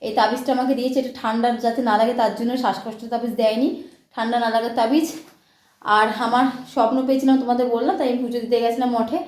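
Talking very fast with a slightly high, fairly even voice and a darkish tone, a woman chats casually to her viewers on a handheld phone. Her daily vlog rambles and she repeats herself.

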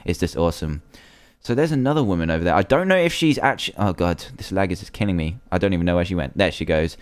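A man's voice: deep voice, lively intonation, quick pace, clean tone, no room sound. A young man giving casual, chatty commentary while playing a survival game, often nervous and easily panicked. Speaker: gaming video creator.

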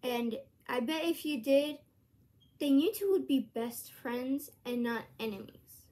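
A woman's voice: high voice, measured pace, mellow. A woman vlogging to her channel in a rambling, earnest way, full of hesitant restarts. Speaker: YouTuber. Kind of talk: casual vlog monologue.

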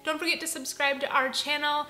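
A woman's voice: high-pitched, flat delivery, a little fast. A young woman hosting her home vlog, upbeat, friendly and chatty. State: pregnant. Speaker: vlogger host. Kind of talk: cheerful vlog talk and voice-over narration. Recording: soft background music.

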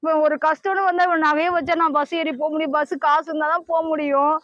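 High-voiced woman pleading tearfully. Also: level tone, fast, fairly bright tone, no echo, dull audio. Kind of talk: staged vlog drama. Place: roadside on a bridge, outdoors.

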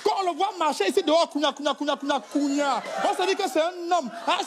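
A male comedian playing a furious wife who hurls shrill insults at her husband on a stand-up stage. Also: steady tone, fast, noisy background. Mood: scornful shouting.

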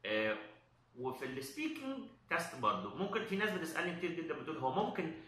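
A man with an Egyptian Arabic accent, explaining an English test as an instructor, pausing often on drawn-out "uh" fillers and mixing in English terms. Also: a little high, big pitch swings, pushed and bright, reverberant. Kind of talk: explanatory talk.

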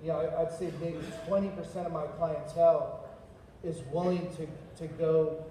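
A man's voice: fairly high pitch, flat delivery, moderate pace, dark tone, slight background noise. A man from Los Angeles on a panel, chatty and self-deprecating, repeating words as he goes. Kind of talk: panel discussion. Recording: echoey hall from far off.

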